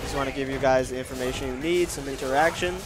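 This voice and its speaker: Talking fast over music, a man casually commentates a fighting game event stream, picking up viewer questions and responding to each. His nasal voice is pushed lower than its natural level, and his intonation stays fairly even.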